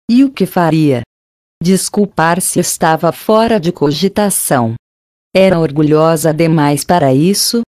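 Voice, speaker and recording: A woman reads an audiobook in a steady, measured way. Her voice is low and mellow. The sound is close and dry. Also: no echo. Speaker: audiobook narrator. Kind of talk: scripted narration.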